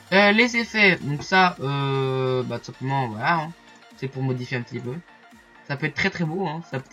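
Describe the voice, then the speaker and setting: A man's voice: mid-range voice, bright, forceful tone. A man walking viewers through a photo-editing site in a casual screen-recorded tutorial, chatty and hesitant, full of fillers and asides. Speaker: YouTuber explaining software.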